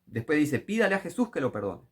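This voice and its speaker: A man's husky, high-leaning voice moves fast and sing-song as he preaches with a Rioplatense Spanish accent. His critical sermon commentary turns to scolding and rises into fervent shouts.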